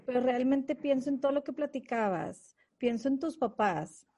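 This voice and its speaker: A woman's voice: high voice, normal speed, dark tone. A young woman and mother, hosting an interview and responding to her guest with empathy and emotion. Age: young adult. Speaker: host. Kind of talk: interview conversation.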